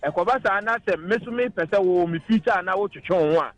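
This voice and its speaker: Man, high voice, Ghanaian accent, radio caller, opinionated, code-switching argument, light music behind. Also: fast, a bit bright, dry recording, dull audio. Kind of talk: opinionated call-in argument, mixing languages.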